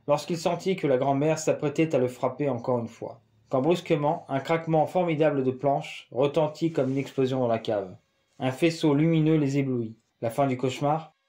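A male narrator reads a fantastic horror tale with measured, dramatic pacing. His voice is warm and mellow. It sits slightly high for a man. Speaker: audiobook narrator. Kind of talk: scripted narration.

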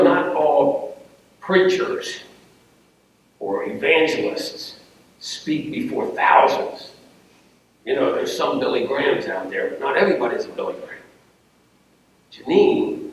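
Guy giving a funeral sermon, earnest and chatty, sounds far off in a big echoey room. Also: on the high side. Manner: conversational, earnest, with pauses and restarts. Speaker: pastor officiating a funeral. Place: funeral home chapel. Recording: very echoey hall, heard from a distance, faint room hum.

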